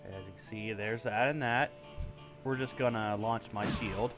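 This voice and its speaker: A man's voice: lowish voice, normal speed, music in the background. A man giving casual walkthrough commentary on a video game. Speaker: gamer making a walkthrough.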